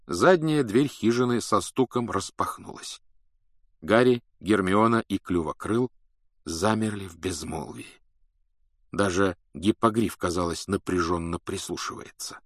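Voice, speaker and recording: A man narrating an audiobook in an expressive storytelling manner. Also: low-pitched, unhurried, no room sound, studio quality.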